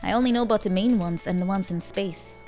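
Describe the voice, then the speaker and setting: A woman livestreamer talks casually to her chat while gaming. Her manner is playful and cute, in the anime-streamer mould, at a middling pitch. Music plays clearly behind her voice. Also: fast, darkish tone.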